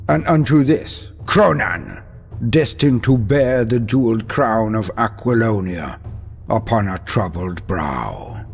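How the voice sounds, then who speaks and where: Soft background music plays as this storyteller gives dramatic, scripted narration of fantasy war lore. He speaks at a fairly low pitch, animated yet unhurried. His style is grandiose and wry, full of ornate, old-fashioned turns of phrase.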